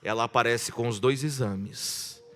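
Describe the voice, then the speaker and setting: A man with a Brazilian Portuguese accent preaching a sermon as a pastor. He speaks emphatically, stacks repeated phrases, and moves between loud declarations and hushed storytelling. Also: mid-range voice, measured pace, faint music behind. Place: large church hall. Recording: church sound with long hall reverb.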